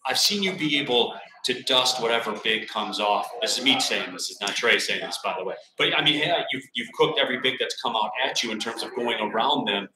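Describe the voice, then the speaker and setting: A young man hosting a sports radio interview live from a bar, upbeat and energetic. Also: mid-range voice, a crowd in the background. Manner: energetic, upbeat, fast bursts. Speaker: radio play-by-play announcer hosting. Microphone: table mic. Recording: roomy bar sound.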